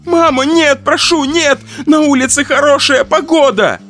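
A woman's voice: high-pitched, fairly even intonation, measured pace, fairly bright tone, soft background music, pitched above the performer's own voice. A man reading an audiobook voices a terrified teenage daughter, crying and pleading for her life.

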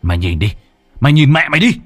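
A man voicing a stern male exorcist who scolds in a gruff, commanding way. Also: deep voice, big pitch swings, moderate pace, dry recording, soft background music. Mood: furious.

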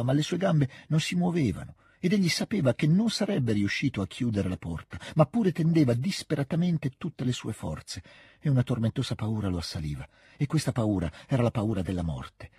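Husky male audiobook reader. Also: medium pitch, sing-song, moderate pace, mellow, dry recording. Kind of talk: literary audiobook narration.

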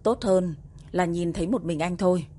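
A woman doing a soft-spoken devoted husband. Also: lowish voice, normal speed, close to an everyday voice. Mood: dry. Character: devoted husband, tender and quiet.

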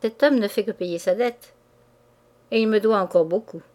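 A woman reading the part of an ambitious young man who speaks softly and coaxingly, with a cool edge. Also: medium pitch, normal speed, natural voice. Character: smooth-talking ambitious young man, cold.

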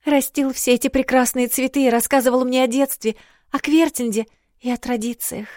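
A woman reading an audiobook, voicing a fragile young princess who is sweet, anxious and chatty, her lines high and gushing. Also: fairly even intonation, moderate pace, a little mellow, no room sound, studio quality, lightly acted. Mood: guilt-ridden. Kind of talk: audiobook character voice.

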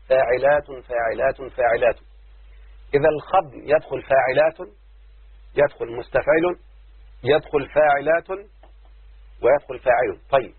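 A man teaching a lesson on verse meter, chanting the quoted lines slowly and then explaining them plainly. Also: a little high, dry recording. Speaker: teacher of Arabic prosody. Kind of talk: religious-style lecture explaining verse. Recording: dry, phone-like lo-fi, husky.

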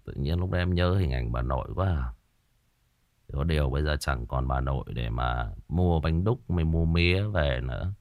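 A man's voice: a bass voice, normal speed, dry recording. A man hosting a ghost-story show, chatting with listeners and reminiscing in a loose, repetitive way. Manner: chatty, animated when reminiscing, many repetitions. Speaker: ghost story podcast host. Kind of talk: casual reflective storytelling to listeners.

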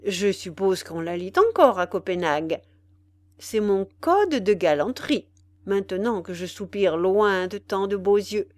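Vain fop officer, chattering and boastful, storybook reading, woman narrator voicing him, slow and dry. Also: mid-range voice, lively intonation, no echo, close to an everyday voice. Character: vain foppish young male officer.

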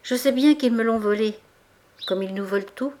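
A woman's voice: fairly high pitch, normal speed, a little mellow, natural voice. A woman reading aloud voices a heartbroken young woman in an audiobook, speaking in a toneless, strained voice.

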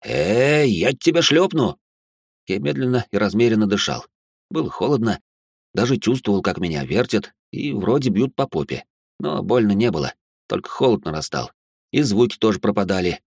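A man's voice: on the low side, expressive, a little fast, creaky, darkish tone, slightly rough, no echo, clean studio sound. Sardonic male audiobook narrator. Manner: sardonic, swearing inner monologue. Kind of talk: first-person audiobook narration.

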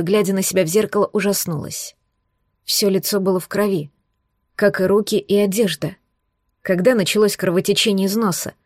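A woman narrating a first-person audiobook in an expressive, tense storytelling manner. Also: medium pitch, no echo, studio quality.

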